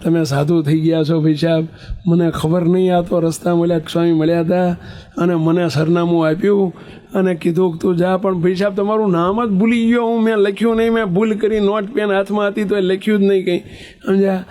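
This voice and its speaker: A man's voice: high voice, little pitch movement, brisk, mellow, close to an everyday voice. A man voicing a repentant, wayward young man who pleads humbly and rambles as he tells his story. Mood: eager. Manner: pleading, rambling, self-mocking.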